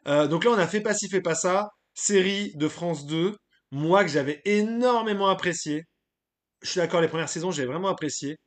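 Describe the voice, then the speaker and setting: A man with a fairly high voice runs a relaxed live stream. He chats loosely and gives his opinions, stopping often to hesitate and to greet people in the chat. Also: normal speed. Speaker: streamer hosting a live tier list. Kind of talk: casual live-stream chat, reading the chat aloud.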